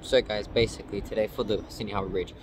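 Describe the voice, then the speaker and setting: A man's voice: lowish voice, steady tone, quick pace. A young man in a casual travel vlog, talking loosely and upbeat into a phone held at arm's length outdoors. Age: young adult. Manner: chatty, upbeat, loose and rambling. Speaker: vlogger. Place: outdoors in a city at night. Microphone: phone camera held at arm's length. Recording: noisy outdoor street recording.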